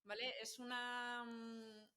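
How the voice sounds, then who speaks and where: A woman from central Spain with a Madrid accent appears as a linguist guest on a casual podcast, explaining things patiently. Her fairly high voice is slow, flat, and sharp in tone, and she uses lots of fillers and laughs often.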